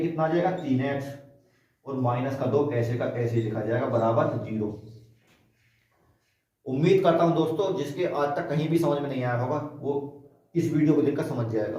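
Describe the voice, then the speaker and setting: A man's voice: mid-range voice, mellow. A man with a North Indian Hindi accent teaching a math class, explaining each step with questions to his students and bragging about his teaching. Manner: step-by-step explaining with rhetorical questions, boastful asides. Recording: very echoey room, voice from far off the mic.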